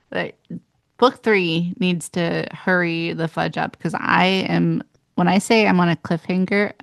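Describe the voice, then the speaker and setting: A woman co-hosting a podcast, talking about books in a sarcastic, drawn-out way with laughing asides. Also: on the low side, gravelly, a bit bright. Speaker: podcast co-host. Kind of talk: casual book chat.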